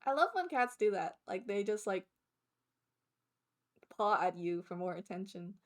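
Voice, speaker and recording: A woman's voice: mid-range voice, animated, unhurried. A woman streamer giving casual reaction commentary in a cute, gushing anime-streamer manner. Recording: music behind the voice. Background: background music.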